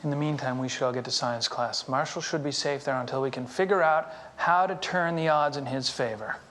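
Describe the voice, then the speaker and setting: An actor playing a calm male science teacher in a TV drama, speaking in a measured, explanatory way, with faint music underneath. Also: medium pitch, noisy background, close to an everyday voice.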